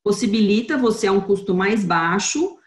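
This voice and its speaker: Woman, Brazilian accent, 30s, guest over a video call, roomy echo, pauses to think. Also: mid-range voice, lively intonation. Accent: Brazilian Portuguese. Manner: thoughtful, many hesitations. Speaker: guest marketing director.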